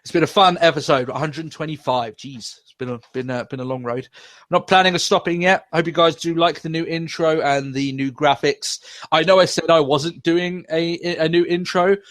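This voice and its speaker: Casual, profane wrestling talk comes from a young podcast host who rambles and laughs a lot. His mid-range voice has a fairly bright tone, with no room sound in the recording.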